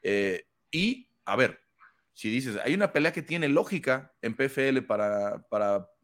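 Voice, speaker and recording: A man's voice: medium pitch, lively intonation, measured pace, fairly bright tone. A man hosting a combat sports panel, talking fluently and emphatically with many fillers and tag questions. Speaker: host of an MMA analysis panel. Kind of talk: casual panel commentary.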